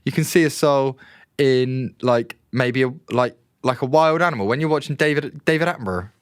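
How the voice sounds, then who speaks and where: A man with an English accent, co-hosting a casual podcast and telling stories in an animated, sweary way. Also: mid-range voice, a little fast, no echo, studio quality. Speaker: podcast co-host.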